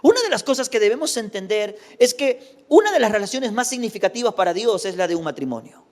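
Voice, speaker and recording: A man's voice: sits high, big pitch swings, fast talker. A man preaching a sermon as pastor, emphatic and full of rhetorical questions. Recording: long hall reverb.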